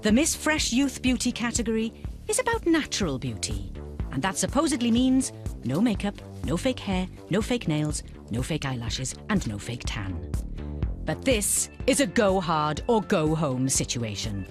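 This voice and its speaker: A woman's voice: fairly low pitch, wildly swooping pitch, normal speed. A woman reading scripted documentary narration in a wry, playful way. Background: background music.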